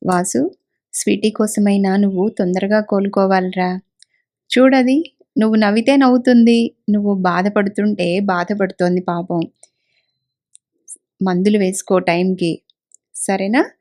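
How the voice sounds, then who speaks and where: A woman reading the part of a kindly middle-aged male village doctor, speaking gently and reassuringly. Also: medium pitch, steady tone, measured pace, pauses often, lightly acted. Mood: caring. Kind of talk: audiobook character reading.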